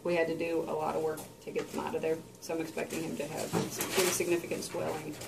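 A woman's voice: sits low, little pitch movement, quick pace, creaky, rough recording. Woman on clinic staff, voices behind her. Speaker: dental surgery staff. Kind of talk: casual chat, giving aftercare advice. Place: small indoor clinic recovery room. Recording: camera audio with background chatter.

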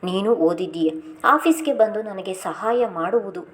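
A woman's voice: mid-range voice, measured pace, lightly acted. A woman voicing an exasperated young husband who pleads with and scolds his wife. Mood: pleading.

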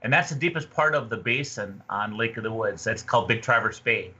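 A man in his fifties speaks with a fairly low, slightly rough voice that's bright, forceful and fairly quick. Appearing as a podcast guest for fishing tourism, he gives a folksy, casual fishing report over a video call from a small indoor room. The call audio is dull and lo-fi.

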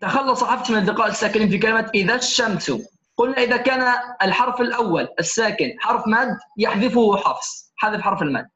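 A man teaching Quran recitation goes through test answers one by one, correcting each and often checking in with "تمام؟" ("okay?"). His voice is high-pitched, quick, and sharp. The room echoes, and the lo-fi recording sounds slightly dull.

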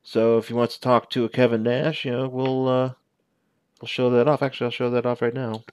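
A man in his forties giving a casual, unscripted show-and-tell commentary as a reviewer, halting and correcting himself as he goes. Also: medium pitch, little pitch movement, clean tone, no echo, clean studio sound. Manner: halting, conversational, self-correcting. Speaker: toy reviewer. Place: small living room at home. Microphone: headset.

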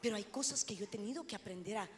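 A middle-aged woman pastor from Honduras, preaching a sermon in a loud, animated way with self-mocking humor. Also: medium pitch, rapid-fire, slight background noise.

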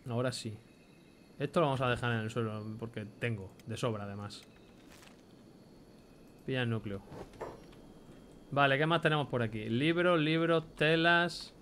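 A man's voice: medium pitch, normal speed, pauses often, fairly bright tone, a little hiss or hum. A young man with a Spain Spanish accent giving chatty let's play commentary, swearing casually and reading item names aloud. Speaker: gameplay commentator.

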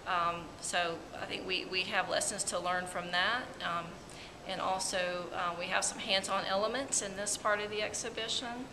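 A woman curator answers questions in a hesitant but informative manner, stopping often on filler sounds. She is recorded in a large museum hall with a long reverb, and steady background noise can be heard clearly. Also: medium pitch, normal speed. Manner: hesitant, many ums, informative. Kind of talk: interview answers.

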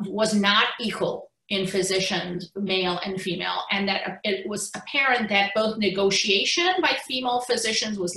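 A middle-aged woman physician giving a conference keynote over a video call, explaining slides with lively emphasis and the odd restart. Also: mid-range voice, echoey room, rough recording.

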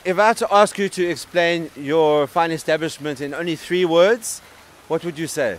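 A man's voice: fairly high pitch, a little fast. A man in his thirties hosting a food show outdoors at a restaurant at night, presenting on camera with enthusiasm and exclaiming over the food into a handheld mic. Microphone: handheld microphone.

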